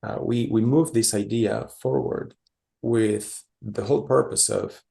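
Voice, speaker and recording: Gravelly low-voiced man from Costa Rica. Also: a little slow, warm tone. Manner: hesitant, many fillers and restarts. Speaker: conference presenter. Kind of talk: conference talk with slides.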